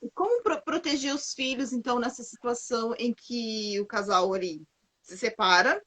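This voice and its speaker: A woman co-hosts a casual live stream and asks long, searching questions. Her high voice is bright and a little husky. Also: normal speed. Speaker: live co-host asking questions.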